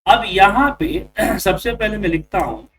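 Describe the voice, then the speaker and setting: A man's voice: high voice, lively intonation, distant mic, faint music behind. A man teaching a live online coding class, explaining step by step, his voice distorted and clipping with a tapping crackle. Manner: explains step by step, slowly spelling out code. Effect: clipping, distorted mic with tapping crackle.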